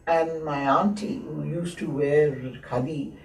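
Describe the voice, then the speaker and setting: A woman in her seventies speaks very slowly, with frequent pauses and fillers, her voice low-toned and gravelly. She is recorded from a distance in a roomy space with faint hiss behind her. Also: steady tone, a little mellow. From born in Lahore, grew up in Abbottabad. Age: 70s. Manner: many hesitant pauses and fillers. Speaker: interviewee, textile historian. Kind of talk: slow reflective reminiscing.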